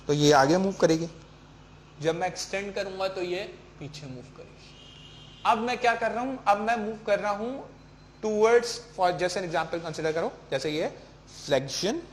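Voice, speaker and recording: A man's voice: high voice, a little hiss or hum. A male teacher giving a lecture. He explains patiently, asks questions and answers them himself, and keeps checking that his students follow along. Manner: mixes in English terms, keeps checking with "ठीक है". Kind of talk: classroom lecture.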